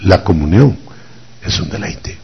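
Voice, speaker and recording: A man preaching a sermon, dramatic, acting out voices and swinging from loud to whispered, in what sounds like a church. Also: low voice, lively intonation, measured pace, vocal fry, breathy edge. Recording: dull lo-fi recording.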